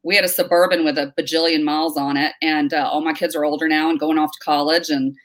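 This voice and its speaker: A woman's voice: low-pitched, quick pace. A middle-aged woman from North Carolina, a guest telling stories in a casual interview with many fillers. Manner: lively storyteller, many fillers and restarts.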